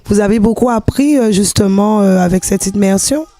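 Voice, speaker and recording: Street interviewer, short prompts, dark mellow tone. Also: mid-range voice, normal speed, no echo. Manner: brief, prompting questions.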